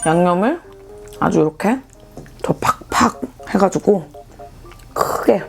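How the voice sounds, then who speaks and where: A woman's voice: lowish voice, lively intonation, slow pace, vocal fry. A woman chats casually to viewers as a mukbang vlogger, with playful, self-mocking asides. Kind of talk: casual chat to viewers while eating. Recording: background music under the voice. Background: music.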